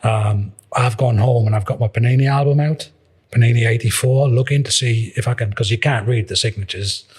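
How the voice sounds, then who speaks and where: A man's voice: mid-range voice, a little fast, darkish tone, husky. A man in his fifties with a Liverpool accent, telling his life story in a casual, rambling way with many restarts.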